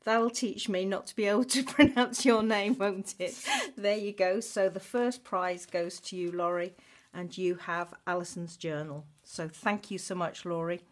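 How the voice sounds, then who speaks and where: A woman's voice: fairly low pitch, steady tone, measured pace. A woman hosting a craft channel, chattily announcing giveaway prize winners in an informal, self-mocking and gushingly thankful way. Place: indoors at a craft table.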